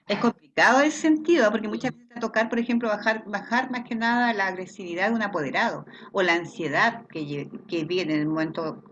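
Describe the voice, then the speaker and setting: A woman's voice: mid-range voice, fairly quick, few pauses, a bit bright, muffled recording. A woman with a Chilean accent teaching an online class, explaining patiently and checking in with frequent questions. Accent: Chilean Spanish. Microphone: video call.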